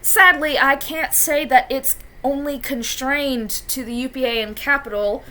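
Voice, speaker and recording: A woman's voice: high-pitched, fairly even intonation, unhurried, sharp tone. A woman voicing an elderly cartoon grandparent who tells long-winded, folksy stories. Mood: rambling.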